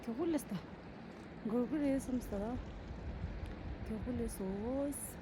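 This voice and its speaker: A young woman talks on a casual travel vlog in a high, bright-pitched voice. She is chatty, exclaims often and breaks into laughs. Faint outdoor noise sits behind her. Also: slow. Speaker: vlogger.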